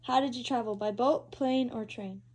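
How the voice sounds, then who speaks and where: A woman interviewing her uncle at his house, reading prepared questions in a steady, formal way. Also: a little high, moderate pace. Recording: poor quality home recording.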